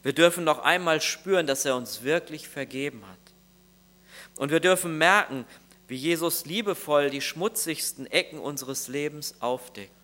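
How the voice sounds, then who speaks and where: A man's voice: a little high, a bit bright. A man preaching a sermon as pastor, earnest and speaking straight to each listener. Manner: earnest, addresses listeners directly.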